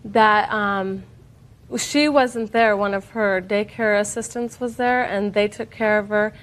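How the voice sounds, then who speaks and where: A woman's voice: medium pitch, steady tone, unhurried. A woman giving spontaneous, matter-of-fact testimony as a litigant in small claims court.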